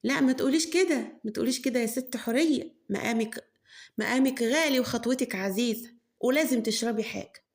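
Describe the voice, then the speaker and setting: Woman doing a shrill Egyptian peasant mother. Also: quick pace, natural voice. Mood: fawning. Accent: Egyptian Arabic. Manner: shrill, nagging, cursing. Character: shrill scolding peasant mother, sharp-tongued.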